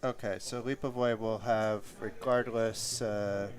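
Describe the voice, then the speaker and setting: A man's voice: lowish voice, steady tone, unhurried, crowd noise. A man commentating on a live poker tournament, explaining the play in an analytical way.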